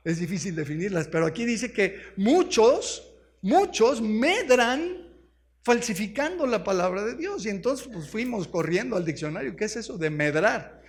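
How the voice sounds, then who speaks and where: Mexican pastor guy preaching, high voice, keeps asking the crowd stuff. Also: animated, moderate pace. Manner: keeps asking the congregation questions; explains words step by step. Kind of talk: sermon.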